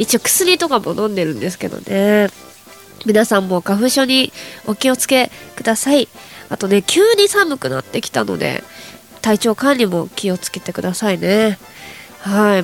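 A young woman hosting a chatty solo radio show, her voice nasal and stuffed up from hay fever, rambling casually to her listeners. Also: medium pitch. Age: young adult. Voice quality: nasal, congested.

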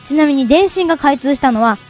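A teenage girl, a singer appearing as a guest on a radio show, chats cheerfully and reads out trivia slowly and carefully. Her voice is high-pitched and expressive with a darkish tone. Soft music plays behind this casual radio chat, and the recording sounds slightly dull.

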